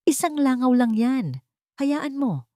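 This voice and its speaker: A woman's voice: sits high, very animated, takes it slowly, mellow, dry recording, clean studio sound, pitched above the performer's own voice, exaggerated voice. A woman narrator voicing a cold, dismissive wealthy matriarch.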